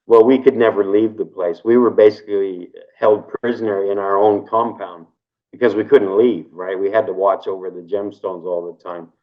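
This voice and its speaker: Speaking at normal speed with fairly even intonation, a low-voiced Canadian in his fifties talks casually as a guest in an interview. His talk wanders and circles back on itself, with "right?" tacked onto his sentences. The audio sounds dull and lo-fi.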